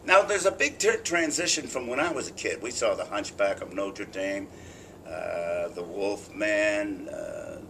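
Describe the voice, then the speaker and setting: Rambling older man, bright-edged voice. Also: fairly low pitch, unhurried, vocal fry, a little hiss or hum. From Boston. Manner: animated, rambling, profane storyteller. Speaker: interviewer. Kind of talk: casual interview chat. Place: press junket room.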